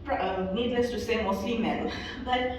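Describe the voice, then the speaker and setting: A woman's voice: fairly high pitch, moderate pace, distant mic, a little hiss or hum. Woman speaking in an echoey hall. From Bangladesh. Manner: earnest storytelling with frequent "you know" fillers. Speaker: guest speaker. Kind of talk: motivational speech. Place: event hall.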